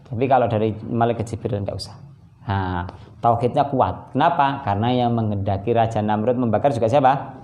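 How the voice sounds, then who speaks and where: A man with a mid-range, fairly quick voice gives a casual Islamic sermon over a phone livestream. He speaks Indonesian with a Javanese accent, telling stories animatedly, acting out dialogue and chuckling at his own asides.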